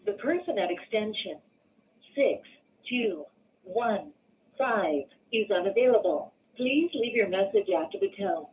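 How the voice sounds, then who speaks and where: A woman's automated voicemail greeting, heard over a landline phone call, read in a slow, evenly spaced manner. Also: medium pitch, animated, darkish tone. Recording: distant phone line with faint hiss.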